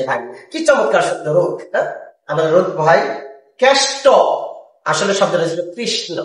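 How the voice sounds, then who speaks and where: A man teaching a grammar lesson, lively and lecturing, chanting word lists slowly. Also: sits high. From Bangladesh. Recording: echoey room, mic far off.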